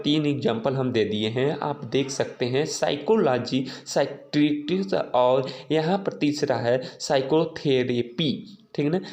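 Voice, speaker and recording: A man's voice: fairly high pitch, gravelly, a little mellow. Man, teacher, casual lesson, patient, repetitive, writing on the board as he explains. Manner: repeats "ठीक है ना" often, explains slowly. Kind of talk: casual classroom-style lesson. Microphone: recording while writing on a board or page.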